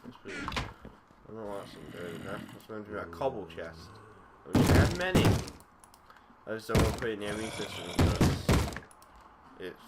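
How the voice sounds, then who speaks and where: A man's voice: lowish voice, big pitch swings, moderate pace. A young man casually narrating a game, rambling and easygoing with frequent fillers and self-corrections. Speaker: gaming YouTuber. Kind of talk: casual let's-play commentary. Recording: loud background noise with game clicks.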